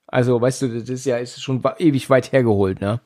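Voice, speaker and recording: A man chatting his way through a film's plot at an ordinary pitch. He talks loosely, with frequent fillers and self-corrections. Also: fairly even intonation, a little fast, mellow. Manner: chatty, many fillers and restarts. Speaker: podcast host recapping a film. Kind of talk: casual film discussion.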